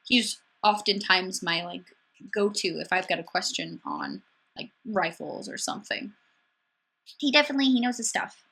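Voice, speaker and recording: A woman's voice: mid-range voice, sing-song, moderate pace, gravelly, bright, forceful tone, slightly rough. A young woman from Wisconsin hosting a casual webcam livestream, chatty and upbeat, reading out viewer comments and answering them with sarcastic asides. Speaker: livestream host. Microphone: webcam mic.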